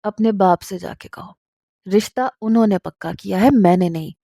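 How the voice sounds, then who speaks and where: Brief: dismissive middle-aged mother, curt, warm low-key tone, from a woman storyteller. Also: no echo, studio quality, lightly acted.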